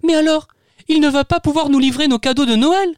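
Tutu, a man doing an excited high little child. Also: brisk, no room sound, clean studio sound. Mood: worried. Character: eager little child dreaming of a bike.

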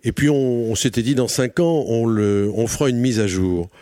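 A man's voice: mid-range voice, moderate pace, warm tone, no room sound, clean studio sound. A man answering as a guest in an interview, hesitant with many fillers and restarts, in a restaurant. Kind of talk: casual interview chat.

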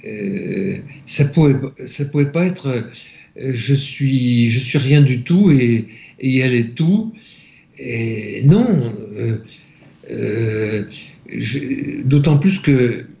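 A man from France, an interview guest, softly recounting a personal spiritual experience, halting and searching for his words. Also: mid-range voice, expressive, gravelly. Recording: echoey, slightly dull room recording.

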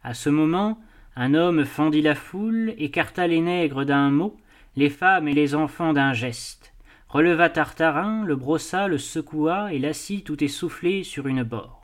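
A man reading a classic novel aloud as an audiobook, with expressive, measured storytelling. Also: fairly high pitch. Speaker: audiobook reader. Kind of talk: scripted narration of a classic novel.

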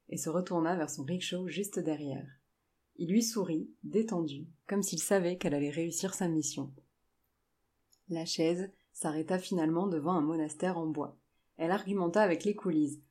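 Woman audiobook narrator, low, warm, measured. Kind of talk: scripted narration.

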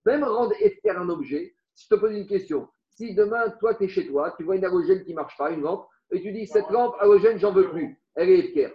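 High-voiced man teaching a Talmud class. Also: brisk, hardly any pauses. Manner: animated explaining, rhetorical questions, Aramaic terms in his French. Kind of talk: Talmud class lecture to students. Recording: roomy, dull lo-fi class recording.

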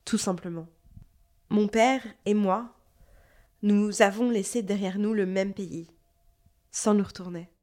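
A woman from Lebanon with a Parisian French accent reads a literary first-person narration in a measured, introspective manner. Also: medium pitch, a little mellow. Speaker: narrator telling her own story.

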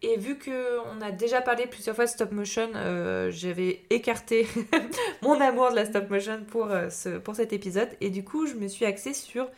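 A woman's voice: fairly high pitch, normal speed, vocal fry. A young woman chatting casually as a podcast co-host, laughing easily and using many fillers. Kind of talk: casual chat.

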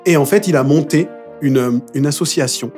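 Playful expressive French podcast guest man. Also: a little high, a little fast, faint music behind. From France. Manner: playful, jokey, expressive storyteller. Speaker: guest, musical theatre performer and dubbing actor. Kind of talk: casual podcast interview.

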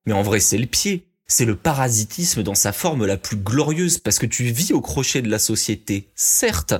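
Lively, emphatic male comedy podcast host. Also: medium pitch, normal speed, slightly rough. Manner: emphatic, mock-lecturing.

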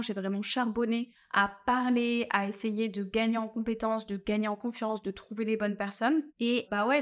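Young woman vlogger, relaxed advice talk, restarts a lot, slightly high voice. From France. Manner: chatty, many fillers and restarts. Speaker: travel vlogger.

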